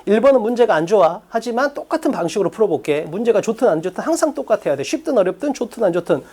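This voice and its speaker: A man teaching an exam-prep English class, prodding his students with quick rhetorical questions. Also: high-pitched, a little mellow. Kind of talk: lecture.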